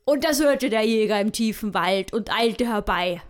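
A woman's voice: medium pitch, expressive, moderate pace. A woman telling a bawdy comic fairy tale in a hearty, rambling, folksy yarn style. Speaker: storyteller.

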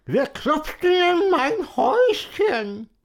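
A gruff, suspicious old grandmother with gaps in her teeth, barking in a high, gravelly voice, as a woman narrator puts her on. Her words come slowly and swing up and down. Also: sing-song, exaggerated voice. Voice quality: high, creaky.

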